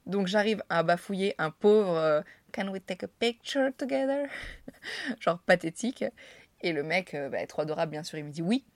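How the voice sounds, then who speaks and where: A young woman from France tells her stories in a chatty, slangy way, poking fun at herself and laughing often. Her voice sits a little low, and the recording is dry and close with no room sound. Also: no echo. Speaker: vlogger telling anecdotes. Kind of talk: casual storytelling to camera.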